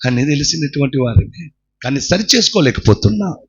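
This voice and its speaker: A man's voice: a little high, animated, a little fast, husky, lo-fi sound. A man preaching a sermon, telling a story dramatically and crying out the pleas of its characters. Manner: dramatic storytelling, acting out voices and shouting pleas.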